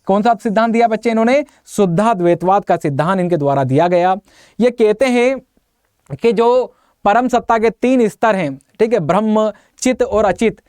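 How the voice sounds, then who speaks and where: In a studio-quality recording with no room sound, a man's smooth, high voice moves at a normal speed through an exam-prep lecture. He's lively, asking his students questions he then answers himself and peppering the lesson with jokes and playful memory tricks.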